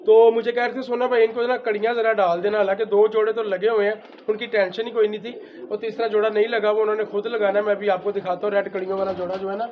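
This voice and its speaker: Man from Pakistan, high voice, loud and emphatic, pigeon seller vlog, faint background noise. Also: flat delivery, fast talker. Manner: loud, emphatic, repeating stock phrases. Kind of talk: casual handheld show-and-tell.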